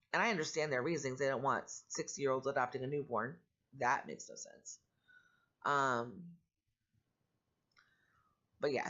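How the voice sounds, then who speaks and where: A middle-aged woman talks candidly to her vlog in a growly voice, rough from allergies. She rambles along in a plain, matter-of-fact way. The recording sounds a little dull and lo-fi. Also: rumbling low, a bit bright. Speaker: vlogger and foster parent. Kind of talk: casual personal vlog talk.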